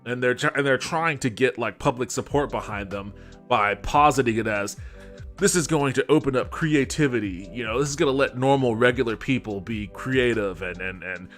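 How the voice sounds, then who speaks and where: A man hosting a gaming podcast and stream offers casual, off-the-cuff commentary, sardonic and skeptical, with some swearing. His voice is medium-pitched and fairly bright, at normal speed, over soft background music.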